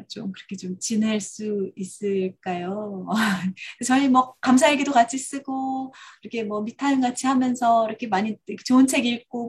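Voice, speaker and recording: A woman's voice: fairly high pitch, husky. A woman moderating a live talk session, friendly and laughing often as she puts questions to the expert.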